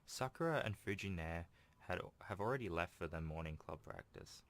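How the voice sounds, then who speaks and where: This young man's low-pitched, fairly bright voice is expressive and moderately paced as he does casual let's-play commentary and reads out game text. He's a gaming YouTuber on a playthrough, recorded at home with video game music in the background.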